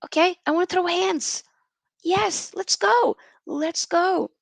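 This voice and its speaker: A woman's voice: very high voice, slow, creaky, dry recording. A young woman from Norway hosting a casual football livestream, chatting with viewers and reading out their comments. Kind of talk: casual live-stream chat with viewers.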